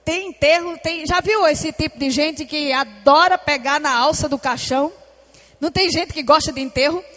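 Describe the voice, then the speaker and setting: Woman pastor, passionate shouting sermon with call-and-response, high voice, long church reverb. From Northeast Brazil. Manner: impassioned preaching, often shouting, with call-and-response prompts to the congregation. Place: church service.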